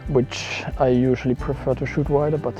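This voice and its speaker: The recording is muffled with music in the background as a photography vlogger hikes a mountain trail, talking into a small action camera. His medium-pitched male voice is flat and at normal speed; he's out of breath, chatting casually, thinking aloud, and laughing a little.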